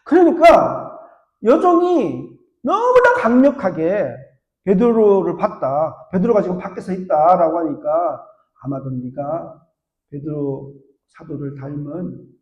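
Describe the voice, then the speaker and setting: Male pastor, high lively voice, dramatic storytelling sermon, echoey sanctuary. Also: muffled recording. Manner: storytelling, acts out voices with big pitch swings. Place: church sanctuary. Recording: echoey church room.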